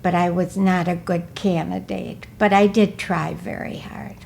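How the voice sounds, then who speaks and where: In her eighties and from Milwaukee, Wisconsin, this woman has a lowish, creaky, slightly mellow voice with a level tone. During a recorded life-story interview she reminisces slowly and deliberately, frequently asking for things to be repeated, over a faint hiss or hum.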